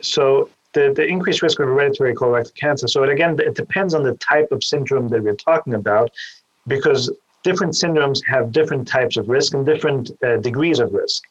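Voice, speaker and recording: A guest surgeon from Austria gives careful, explanatory interview answers, often repeating a small word as he begins a point. He speaks briskly at medium pitch, and the recording sounds muffled.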